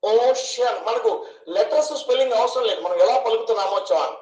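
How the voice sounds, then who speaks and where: A man teaching an English grammar class online, asking questions and slowly drawing out each syllable. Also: extremely high pitch, a little mellow. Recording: echoey room, dull lo-fi sound.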